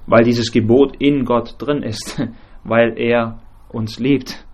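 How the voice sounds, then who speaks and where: Man leading a Bible study, halting. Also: mid-range voice, fairly even intonation, a little mellow. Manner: halting, many fillers and restarts, asks the group questions.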